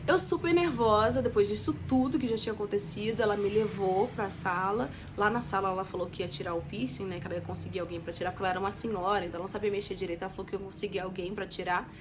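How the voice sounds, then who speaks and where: A woman's voice: medium pitch, steady tone, racing, hardly any pauses, noisy background. A young woman, telling a story to her viewers in a chatty, dramatic way. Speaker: vlogger. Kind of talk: casual storytelling to camera.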